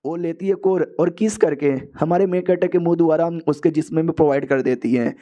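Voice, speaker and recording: Brief: chatty young male recap narrator, mellow yet high-ish voice. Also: fairly even intonation, fairly quick. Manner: chatty, addresses listeners as brother. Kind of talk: casual storytelling recap.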